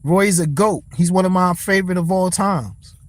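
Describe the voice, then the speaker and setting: High-voiced man ranting profanely about boxing. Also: moderate pace, no room sound. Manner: profane, blunt, rants and answers chat. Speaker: livestream host. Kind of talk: casual boxing talk livestream.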